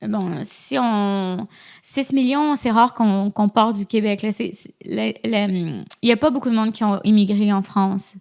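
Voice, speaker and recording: A woman comedian with a Québécois accent, chatting quickly in an interview with many fillers and laughs. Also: medium pitch, gravelly, darkish tone. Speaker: stand-up comedian guest. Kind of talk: casual interview chat.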